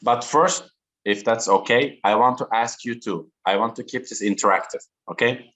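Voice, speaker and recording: A man in his thirties from Turkey, a native Turkish speaker giving an online talk to students slowly and deliberately over a video call. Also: mid-range voice, fairly bright tone. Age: 30s. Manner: slow, deliberate and interactive.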